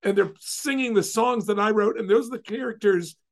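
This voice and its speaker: A middle-aged man from California telling a personal story in casual talk, animated and acting out the voices of others. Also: high voice, a little fast, vocal fry. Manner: animated, acts out quoted voices.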